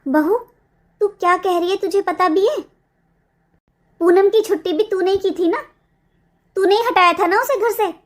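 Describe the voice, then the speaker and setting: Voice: very high voice, moderate pace, pauses often. A voice actor playing a scolding middle-aged mother-in-law in a cartoon, nagging and accusing. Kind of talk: cartoon dubbing.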